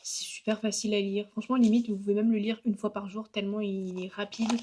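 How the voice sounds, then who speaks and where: A young woman chats to her camera in a relaxed vlog. Her voice sits in an ordinary middle pitch for a woman. She rambles cheerfully, trailing off and restarting with easy, upbeat energy. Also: fast talker, slight background noise. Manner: chatty and upbeat, many fillers, laughs at herself. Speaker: vlogger and graphic designer. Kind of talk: casual vlog chat.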